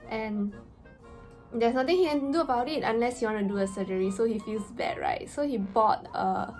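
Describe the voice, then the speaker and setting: Young woman ranting to her vlog, kinda high voice, exasperated and slangy, music going behind her. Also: moderate pace. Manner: animated, exasperated, slangy with emphatic stresses. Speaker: vlogger. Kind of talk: casual ranting vlog storytelling. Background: background music.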